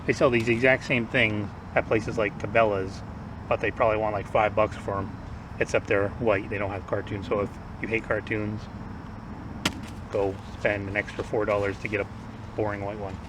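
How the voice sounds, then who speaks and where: A man with a lowish, level voice speaks at a normal speed, casually rambling through his survival gear for the camera like a vlogger. He sounds offhand, and his speech is slightly off because he just had teeth pulled. The mic sits far away, picking up plenty of noisy outdoor ambience.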